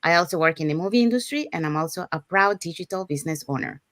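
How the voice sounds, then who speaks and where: A woman's voice: on the low side, expressive, fast talker, fairly bright tone, no room sound, studio quality. A woman from Panama hosting an online panel over a video call, announcing schedules and introducing guests. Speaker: host.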